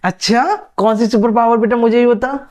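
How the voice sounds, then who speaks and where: A man's voice: extremely high pitch, level tone, moderate pace, a little mellow, pitched above the performer's own voice. A man voicing a pushy middle-aged female neighbor who keeps borrowing things, in a wheedling, sugary tone. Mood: fussing.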